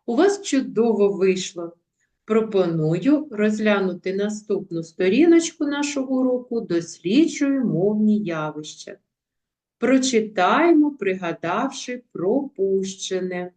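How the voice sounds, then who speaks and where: A woman teacher taking young pupils through a writing lesson at an unhurried, deliberate pace. She sounds out each word syllable by syllable, stretching and stressing the sounds so children can follow. Her pitch sits in a middle range for a woman. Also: lively intonation, warm tone. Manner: slow, careful, sounds out words syllable by syllable. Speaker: primary school teacher.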